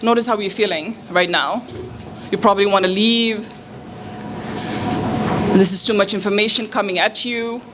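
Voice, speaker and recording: A woman speaks gently to a group as a yoga instructor, calmly guiding them to close their eyes and notice their breath. Clear background noise runs underneath. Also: medium pitch, normal speed, long pauses. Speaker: yoga instructor and life coach. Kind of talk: guided breathing talk to youths.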